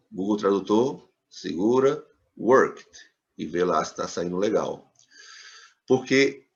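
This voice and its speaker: A man with a lowish voice teaches an English lesson to Brazilian students, patiently explaining and slowly repeating words, checking in with "tá certo?" along the way. It's a recorded classroom lesson with dull, lo-fi sound.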